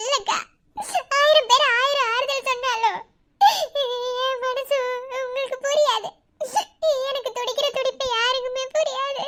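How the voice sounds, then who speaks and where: A woman's voice: fairly even intonation, a little slow, long pauses, pushed and bright, exaggerated voice. [name], a woman doing a sobbing young wife. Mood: tearful pleading. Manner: sobbing, pleading, high-pitched. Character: young grieving wife, tearful and devoted. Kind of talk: animated drama voice acting.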